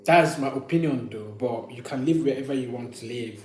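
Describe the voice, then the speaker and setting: A man's voice: mid-range voice, moderate pace, darkish tone. A man hosting a casual live chat, telling personal stories and opinions and often restating phrases for emphasis. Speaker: livestream host. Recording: echoey room with faint hum.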